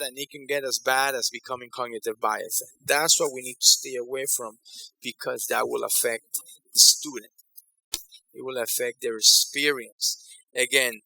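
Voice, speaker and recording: A man's voice: mid-range voice, vocal fry, pushed and bright, dry recording, poor audio. A man from Ecuador leading a conference breakout session on decision-making, talking conversationally and repeating phrases for emphasis. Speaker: workshop facilitator.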